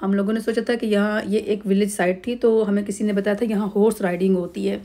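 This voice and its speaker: A middle-aged woman from Pakistan, narrating a family holiday vlog over clips in a relaxed, rambling way with many pauses and fillers. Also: medium pitch. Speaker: vlogger.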